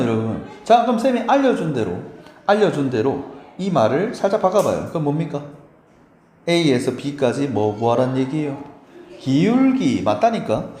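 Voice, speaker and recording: A male math teacher giving a lively lecture, chatty and often checking in with his students. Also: fairly high pitch, a little hiss or hum. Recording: roomy echo.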